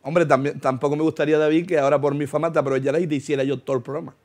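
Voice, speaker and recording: A man's voice: on the high side, very fast, background noise. A young man tells a comic story, acting out voices and laughing as he goes. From Canary Islands. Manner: animated, acts out voices, laughs through lines. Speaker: comedian.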